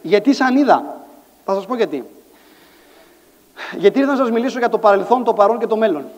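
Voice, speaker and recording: A middle-aged man giving an animated motivational stage talk, acting out dialogue and shouting some lines in a large conference hall. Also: high voice. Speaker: conference speaker. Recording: echoey hall sound.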